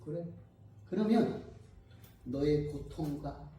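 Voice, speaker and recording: A man preaching in a church, quoting the voice of a gentle, patient divine father figure softly and slowly. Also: a little high, slight background noise, voice pushed down. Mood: tender. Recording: very echoey hall, mic at a distance.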